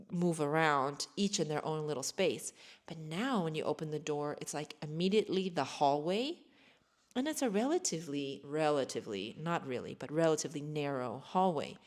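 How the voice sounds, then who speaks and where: An American woman in her thirties vlogs casually to camera from her sparsely furnished home, rambling and putting herself down. She has a deep voice.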